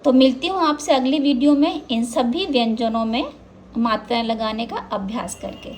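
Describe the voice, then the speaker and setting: A woman teaching a lesson, drawing out each syllable in slow drills. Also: a little high, darkish tone, slight background noise.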